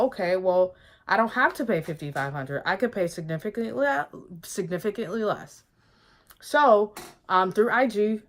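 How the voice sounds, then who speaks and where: A woman vlogging in a casual, chatty way, emphatic and quick to laugh, who often checks in with "okay?". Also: lowish voice. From United States. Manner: laughs often, bursts of excitement. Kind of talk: casual chat to camera.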